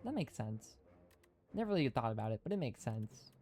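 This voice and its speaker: A man's voice: mid-range voice, very animated, fairly quick, a little mellow, a little hiss or hum. Chatty male streamer thinking aloud. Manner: thinking aloud, chatty, reads chat comments. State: wearing dental retainers, slightly hindered speech. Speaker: streamer playing a video game. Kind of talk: casual live-stream commentary.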